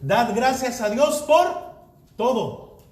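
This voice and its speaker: A man's voice: very high-pitched, animated, slow pace, roomy sound. A man pastor preaching a sermon, reading verses aloud and asking the congregation rhetorical questions.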